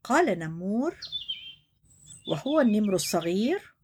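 An older woman, a grandmotherly storyteller, reading a picture book aloud to small children in an expressive way. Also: mid-range voice, a little slow, slight background noise. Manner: warm, expressive, sing-song.

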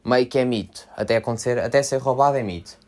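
A man's voice: mid-range voice, fast. A young man from Portugal, rambling casually and jokingly on his solo podcast, full of slang and fillers. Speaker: podcast host.

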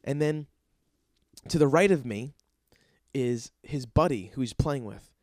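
Excitable young man telling a story. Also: mid-range voice, unhurried, dry recording, clean studio sound. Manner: excitable, profane, acts out quotes in other voices. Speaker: golf caddy telling a story. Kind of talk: casual storytelling.

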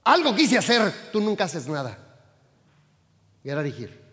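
A pastor in his sixties preaching a sermon, with animated shifts between loud calls to the congregation and quiet asides. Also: high voice, normal speed. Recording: long hall reverb.

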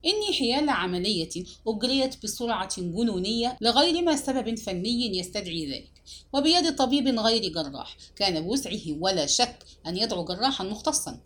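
A woman voicing a calm, cold male police investigator in an audiobook reading, questioning a suspect. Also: mid-range voice, brisk, natural voice. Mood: cold, accusing.

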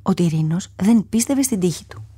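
A woman's voice: fairly low pitch, husky, dry recording, studio quality. Woman reading a children's story. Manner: calm, measured reading that drops to a soft whisper in places. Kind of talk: read-aloud children's story narration.

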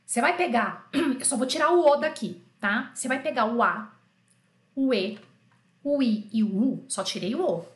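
A woman's voice: fairly high pitch, echoey room. A woman with a Brazilian Portuguese accent teaching a live French lesson, chatty and joking, talking straight to her learners. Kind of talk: live online language lesson.

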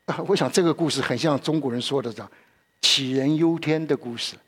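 Husky-voiced man preaching a sermon. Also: medium pitch, fairly quick, fairly bright tone. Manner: conversational, repeats himself and asks the listeners questions.

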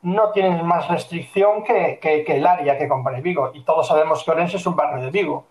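A man's voice: fairly high pitch, fairly quick. A man co-hosting a casual online chat, joking and self-mocking as he tells work stories over a video call. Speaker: co-host; freelancer. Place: room in Vigo. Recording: roomy echo, faint background hum.

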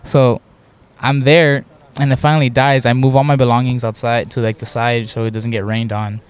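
A man's voice: medium pitch, flat delivery, moderate pace, clear, resonant tone. A young man hosting a podcast, casually telling a long story, swearing a lot and filling his talk with "like". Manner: rambling, swears often, many "like" fillers. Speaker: podcast host.

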